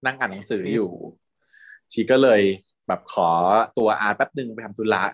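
A man's voice: on the low side, normal speed. A man in casual chat, recapping a series with frequent laughter and acting out the characters' lines. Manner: laughs often, acts out lines from the plot.

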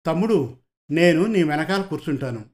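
Male narrator doing a steady, in-charge lead detective for an audio story; firm and unhurried, voice a little high. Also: close to an everyday voice. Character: calm, commanding male senior detective.

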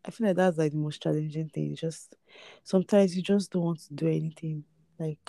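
Croaky woman, morning voice. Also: deep voice, steady tone, brisk, mellow, no echo, studio quality. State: croaky, just woken. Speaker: podcast co-host. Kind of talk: casual chat.

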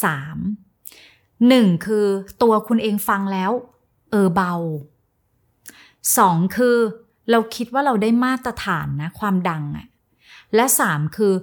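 A woman speaking coach giving a casual, lively lesson and acting out little example scenes. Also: medium pitch, unhurried, long pauses. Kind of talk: casual teaching talk.

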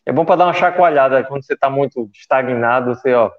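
A man's voice: medium pitch, fast. A man hosting a casual chat, playful and joking with his guests. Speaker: host. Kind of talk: casual conversation. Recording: slightly dull lo-fi sound.

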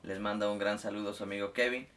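A man's voice: lowish voice, fairly even intonation, quick pace, a bit bright, a little hiss or hum. A man hosting an interview, friendly and upbeat. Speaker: host.

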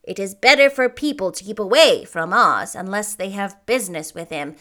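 Woman playing a grave, loud Munchkin man. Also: mid-range voice, expressive, close to an everyday voice. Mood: grave warning. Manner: solemn, loud, deliberate. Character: grave, cautioning male Munchkin villager.

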